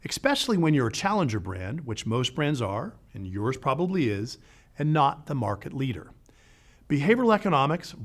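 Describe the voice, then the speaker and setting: A man hosting an educational show, narrating a script in a lively way with playful asides. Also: mid-range voice. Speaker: podcast host.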